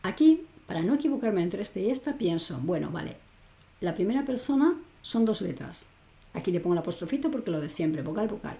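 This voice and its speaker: Mellow-voiced Spanish teacher woman. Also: medium pitch, sing-song, a little fast. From Spain. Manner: patient, explanatory, checks in with "¿vale?". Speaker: language teacher. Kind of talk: online grammar lesson.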